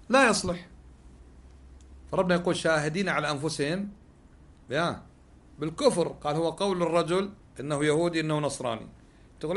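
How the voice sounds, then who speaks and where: In Gulf Arabic dialect, a man with a fairly high, fairly bright voice gives a sermon-style religious lesson. He poses rhetorical questions and then answers them himself.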